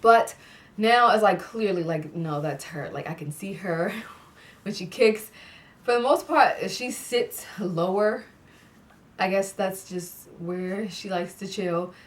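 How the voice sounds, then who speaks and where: In a room lit by fairy lights, a young woman gives a casual pregnancy update vlog, speaking slowly at medium pitch far from the mic. Congested, she clears her throat and laughs frequently, peppering her speech with "like".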